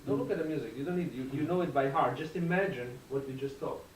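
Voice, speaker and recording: A man's voice: a little high, animated, fast talker. Man coaching a guitar student. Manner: encouraging, sings phrases to demonstrate. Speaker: guitar teacher. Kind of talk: masterclass coaching. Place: convention room, heard from a distance. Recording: roomy, distant sound with guitar playing. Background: guitar playing.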